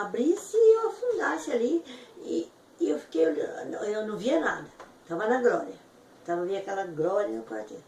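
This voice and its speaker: A woman giving an emotional, fervent personal testimony, her voice jumping high at the peaks. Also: a little mellow. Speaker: testimony giver. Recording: echoey room from far off with faint noise.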